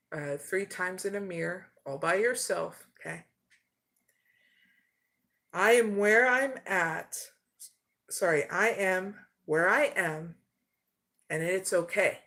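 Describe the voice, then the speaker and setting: A woman doing an oracle card reading who keeps tagging her sentences with "okay?" and slows down to read out each card. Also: medium pitch. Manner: slow and deliberate when reading card names. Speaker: tarot reader.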